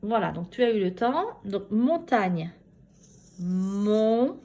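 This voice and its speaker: A schoolteacher working from her home, giving a phonics lesson to young children and sounding out each syllable slowly and carefully. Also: medium pitch, very animated, darkish tone. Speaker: primary school teacher.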